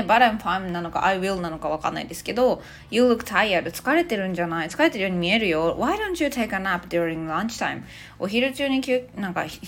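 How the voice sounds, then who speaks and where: A woman in her thirties hosting a casual podcast language lesson, playful and chatty as she explains. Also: mid-range voice. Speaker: English teacher and podcast host.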